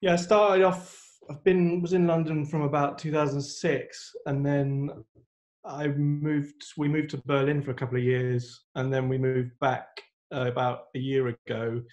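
A man's voice: fairly high pitch, a little slow. A man in his thirties, a guest composer chatting in an easygoing way over a video call from home, on a laptop mic. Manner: relaxed, easygoing. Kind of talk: casual video-call chat. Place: room at home.

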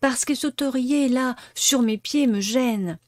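A woman's voice: takes it slowly, no echo, studio quality. A woman voicing a cheeky, stubborn wooden puppet boy in a storybook reading, whiny and pleading. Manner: whiny and pleading, high and loud.

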